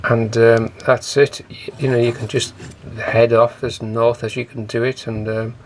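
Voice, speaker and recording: Filming his own sailing journey on a handheld camera, a man talks at a moderate pace with medium pitch and flat delivery, hesitating and rambling through plenty of ums and uhs. The setting shifts between open sea and harbour, and wind and water noise crowd the recording.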